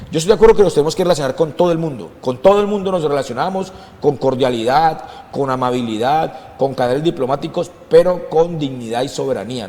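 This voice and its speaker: A man's voice: medium pitch, warm tone. A Colombian man in a political talk show discussion, speaking with passion and hammering his points through repetition. His voice sits in the middle range. The sound carries a long hall reverb. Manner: impassioned, emphatic, repeats phrases for stress. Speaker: political commentator.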